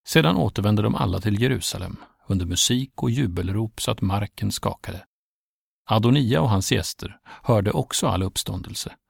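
A man narrating a Bible story in a steady, measured scripted reading. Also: on the low side, gravelly, breathy edge, no echo, clean studio sound.

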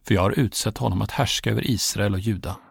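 Guy reading old king david, solemn orders, low gravelly. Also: fairly even intonation, no room sound, studio quality, full character voice. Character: aged commanding King David.

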